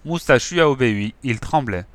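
An audiobook narrator reads a children's novel with lively, expressive storytelling at normal speed. His medium-pitched voice is bright and forward, recorded up close and dry with no sense of room.

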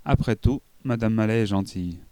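A man reading a children's book aloud in an expressive storytelling manner. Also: lowish voice, a little fast, smooth, dry recording. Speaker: audiobook reader. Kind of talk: scripted narration of a children's book.

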